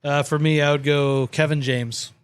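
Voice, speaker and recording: A man co-hosting a podcast, chatting casually and teasing the others with quick jokes. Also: on the high side, level tone, clean tone. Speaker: podcast co-host. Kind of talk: casual chat.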